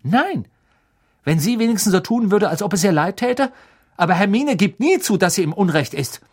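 A man voicing a stubborn, indignant teenage schoolboy in an audiobook, loud, high and complaining. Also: expressive, moderate pace, breathy edge.

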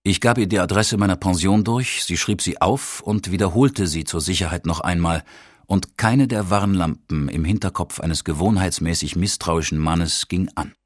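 A man narrating a first-person audiobook in a measured, steady storytelling manner. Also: sits low, dry recording, clean studio sound.

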